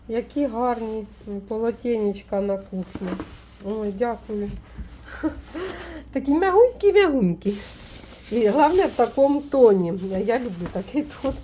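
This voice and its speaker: A woman from Ukraine chats casually in her home vlog, fussing lovingly over each gift with tender little words. Her voice sits a touch high yet sounds mellow and dark. A faint room noise runs under the recording. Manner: warm, doting, with many fond diminutives. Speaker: folk witch vlogger.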